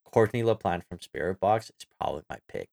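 Man, low voice, podcast co-host, casual rambling chat, lots of fillers. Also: lively intonation, brisk, vocal fry, darkish tone.

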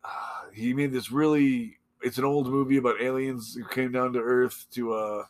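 A man's voice: mid-range voice, fairly even intonation, moderate pace. A man co-hosting a horror movie podcast, talking casually with blunt, profane opinions. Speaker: podcast co-host. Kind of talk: casual chat.

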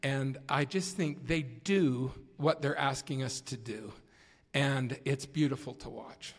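Male panel guest, mid-pitched storyteller, animated, reverberant hall sound. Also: takes it slowly. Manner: lively, acts out quoted voices. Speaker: church leader and panel guest. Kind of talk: warm anecdotal storytelling. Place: conference hall. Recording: long reverb of a large hall.

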